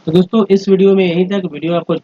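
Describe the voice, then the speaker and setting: Male tutor, slightly raised pitch, patient and repetitive, spells words aloud; muffled lo-fi sound with light noise. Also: flat delivery. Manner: spells words letter by letter and repeats sounds slowly. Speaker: English teacher. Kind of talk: slow explanatory lesson. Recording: dull lo-fi recording with faint noise.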